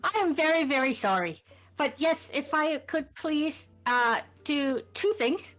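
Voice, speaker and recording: A woman's voice: high voice, animated, unhurried, a bit bright. A woman playing in a tabletop game, polite and hesitant, with many fillers. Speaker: player. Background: faint background music.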